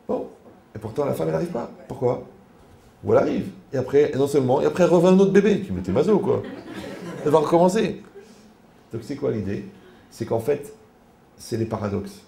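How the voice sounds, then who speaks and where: A man, a rabbi, giving a lively conversational Torah lecture, animated and teasing as he acts out little dialogues. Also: medium pitch, gravelly, echoey room.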